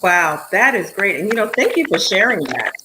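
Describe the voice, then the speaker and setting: A woman's voice: mid-range voice, big pitch swings, normal speed, noisy background. A woman hosting an online interview show, upbeat and encouraging with her guests. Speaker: host.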